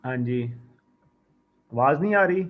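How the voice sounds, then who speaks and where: A man's voice: mid-range voice, lively intonation, phone-quality sound. A male teacher running an online class, his voice coming through a crackly call line that keeps breaking up. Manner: brisk, instructing students. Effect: crackly, breaking-up call audio. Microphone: video call.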